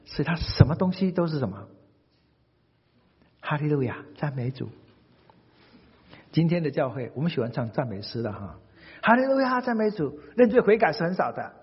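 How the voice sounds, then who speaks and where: A man preaching a sermon in a lively, humorous way, acting out the people he quotes. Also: a little high, normal speed, long pauses, slightly rough. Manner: animated, humorous, acts out quotes. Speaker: pastor. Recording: dull recording, long hall reverb.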